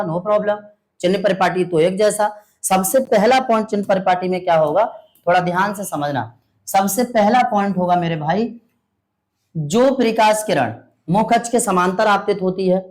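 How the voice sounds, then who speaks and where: Repetitive, coaxing male science teacher. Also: high-pitched. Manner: repeats each rule slowly, with quiz-like questions; calls students "beta" and "mere bhai". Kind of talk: classroom lecture.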